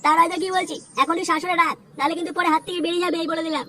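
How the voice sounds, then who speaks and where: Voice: extremely high pitch, steady tone, very fast. A performer voicing a nosy, preachy neighbour man who tells tales about a boy. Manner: gossiping, preachy advice. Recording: loud background music.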